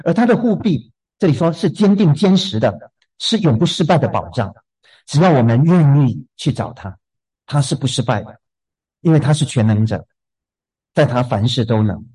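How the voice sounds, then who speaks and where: Gentle husky male preacher, lively pitch. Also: poor audio. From southern China. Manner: gentle, repeats words when starting a thought. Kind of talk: sermon.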